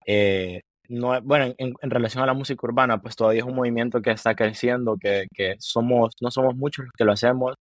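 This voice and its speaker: A young man in his twenties with a Honduran Spanish accent speaks in a mid-range, steady voice, with no room sound on the recording. He is a musician guest in a casual interview, switching between Spanish and English. He comes across as earnest but halting, often restarting and repeating words.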